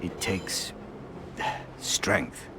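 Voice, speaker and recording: An actor playing a gruff, middle-aged veteran police officer in a video game, lecturing in a stern, fatherly way. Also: extremely slow, bright, forceful tone, slight background noise.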